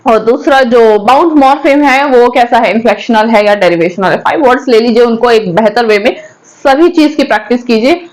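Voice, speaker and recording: A woman's voice: on the high side, brisk, few pauses, rough recording. A woman with a Hindi accent teaching an English grammar class, asking questions and answering them herself. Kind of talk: online class lesson.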